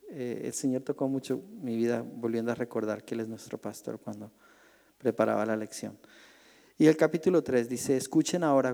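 A man's voice: mid-range voice, vocal fry, warm tone, big-room sound. A male pastor teaching a Bible class in a conversational way, asking the group questions and acting out the voices he quotes.

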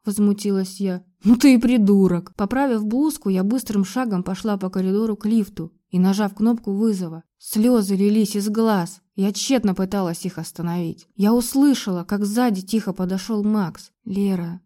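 A woman's voice: medium pitch, normal speed, hardly any pauses, mellow. A woman narrating a first-person romance audiobook with an emotional, dramatic delivery.

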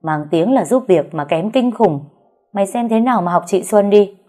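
A woman's voice: mid-range voice, moderate pace, mellow, close to an everyday voice. A woman reading as an easygoing young husband. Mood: casual.

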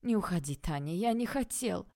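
A woman voicing a jealous young man, an ex-boyfriend, with a low threatening voice in an audiobook. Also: lively intonation, normal speed, gravelly, warm tone, no echo, clean studio sound. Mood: pleading.

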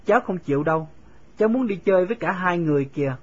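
A man's voice: sits high, lively intonation, fast talker, breathy edge, muffled recording. A man reading the part of a stubborn little schoolgirl who keeps pressing with questions. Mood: sulky. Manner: insistent, sulky questioning. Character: stubborn pleading little girl, fifth grader.

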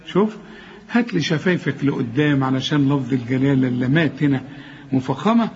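A man's voice: medium pitch, a little hiss or hum. Egyptian man teaching Quran recitation. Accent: Egyptian Arabic. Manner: lively teacher, chants verses slowly, asks and answers himself. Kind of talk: tajweed lesson. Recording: dull lo-fi recording.

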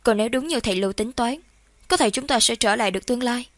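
A woman voicing an anxious young friend in an audiobook, explaining things in a hurried, urgent way. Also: a little high, no echo, studio quality, pitched above the performer's own voice, close to an everyday voice. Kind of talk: audiobook character reading.

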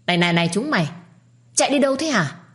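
A woman's voice: lowish voice, animated, moderate pace, husky. A woman doing a flustered old village father. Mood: shouting. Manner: shouting, flustered.

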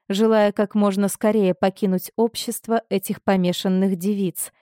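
A woman reads an audiobook in a measured, expressive narration. Her voice sits at a middle pitch. The recording is dry and close, with no room echo.

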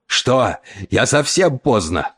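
A man doing a hoarse, desperate big man. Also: mid-range voice, lively intonation, moderate pace, darkish tone, close to an everyday voice. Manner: hoarse, sobbing.

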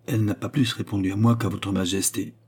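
A man's voice: on the low side, steady tone, brisk, a little mellow, breathy edge. A man voicing a courtly cardinal in an audiobook reading, speaking in an earnest, pleading, courteous way.

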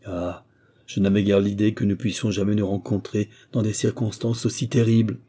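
A man's voice: fairly low pitch, flat delivery, moderate pace, dark tone, lightly acted. A man reading the lines of a despairing young man held in prison, speaking in anguish to his father.

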